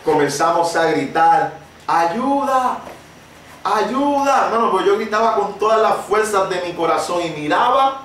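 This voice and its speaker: A man preaching a sermon with personal testimony, impassioned and emphatic, rising to shouted peaks. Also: high-pitched, lively intonation, moderate pace, slight background noise. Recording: very echoey room, voice far from the mic.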